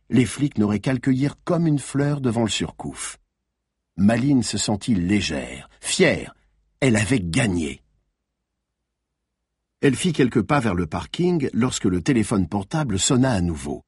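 A man narrating a thriller audiobook in an expressive, dramatic reading. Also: on the low side, breathy edge, no echo, studio quality.

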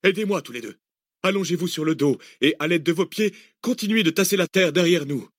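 A man reading an audiobook, voicing a calm, authoritative man who gives measured orders. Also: a little high, no echo, clean studio sound, voice pushed up, lightly acted. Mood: commanding. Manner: measured, commanding. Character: calm, authoritative older man, cool-headed planner. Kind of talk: audiobook character voice.

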